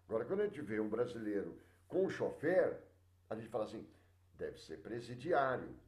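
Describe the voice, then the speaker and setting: A middle-aged man with a Brazilian Portuguese accent teaching a sociology class live, chatting with his students and filling pauses with many hesitations. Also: on the low side, big pitch swings, dark tone, reverberant. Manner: chatty, addresses students directly, many fillers and restarts.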